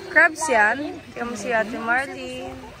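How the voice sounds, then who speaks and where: A woman's voice: sits high, takes it slowly, a crowd in the background. A woman vlogger chatting casually to viewers, with people talking around her. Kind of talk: casual vlog chat.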